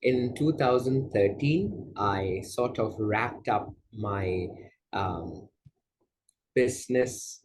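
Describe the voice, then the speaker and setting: Soft-spoken man from Malaysia, unhurried. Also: lowish voice, a little hiss or hum, poor audio. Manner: gentle, unhurried, many soft fillers. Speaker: yoga teacher guest. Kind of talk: casual interview conversation.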